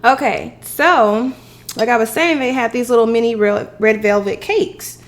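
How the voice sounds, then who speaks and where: A woman's voice: on the high side, measured pace. A woman chatting casually to the camera in a rambling way as she hosts an eating show, eating crunchy fried chicken as she talks. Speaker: mukbang host.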